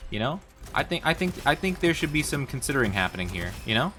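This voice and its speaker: A man's voice: mid-range voice, very animated, quick pace, pushed and bright. A man livestreaming games, talking casually and bantering playfully with his chat. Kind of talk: casual gaming stream chat. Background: faint music.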